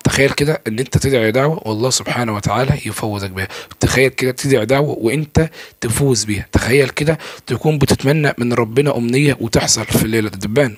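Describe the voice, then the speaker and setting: Rapid-fire Egyptian man preaching casually. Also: mid-range voice, breathy edge, dry recording. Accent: Egyptian Arabic. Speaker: religious speaker. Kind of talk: casual religious talk to camera. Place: filming himself indoors.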